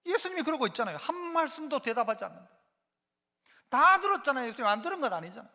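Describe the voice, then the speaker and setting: A man's voice: very high voice, very fast. A man, a pastor preaching a Sunday sermon and quizzing his congregation with rhetorical questions. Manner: animated, asks the congregation frequent rhetorical questions. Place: church sanctuary. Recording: long church hall reverb.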